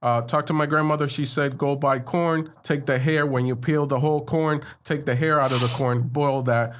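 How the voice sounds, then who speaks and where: A comedian from the Dominican Republic, a native Spanish speaker, chatting on a podcast in a laid-back, streetwise way, repeating himself often. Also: male voice, fairly high pitch, steady tone, normal speed, a bit bright. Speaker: comedian guest. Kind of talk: casual podcast chat.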